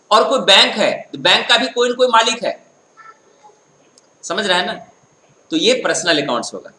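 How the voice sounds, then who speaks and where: In an echoey room with a little noise, a high-pitched man with a sharp tone lectures on accounting in classroom style. He patiently reads English definitions slowly and then unpacks them, regularly using tag questions to make sure everyone is following.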